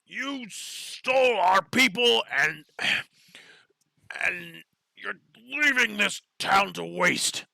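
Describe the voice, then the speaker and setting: A man voicing the male animal head of a two-headed creature, slow and growling with resentment. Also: high voice, lively intonation, vocal fry, sharp tone, dry recording, pitched above the performer's own voice, heavily acted, rough recording. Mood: resentful.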